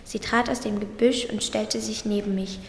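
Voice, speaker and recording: A woman's voice: medium pitch, fairly even intonation, normal speed. A woman carefully reading a diary-style story aloud, with small slips. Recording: roomy recording with long reverb and faint background noise.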